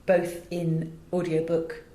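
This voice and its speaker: In an echoey room, a low-pitched English woman, an audio director and producer, gives an interview full of animated anecdotes about her work. Her delivery is slow and monotone with a dark tone, and the recording is roomy.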